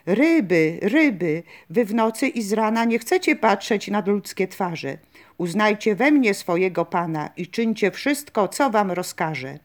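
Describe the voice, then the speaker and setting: A woman voicing a young queen of river spirits, speaking softly with a sweet tone. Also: medium pitch, lively intonation, measured pace, natural voice. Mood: gentle, calm. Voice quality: soft, sweet-toned.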